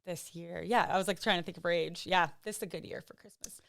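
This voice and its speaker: A woman's voice: on the low side, fairly even intonation, fast, gravelly. A woman, co-hosting a podcast in chatty casual talk, laughing often. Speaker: podcast co-host. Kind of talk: casual chat.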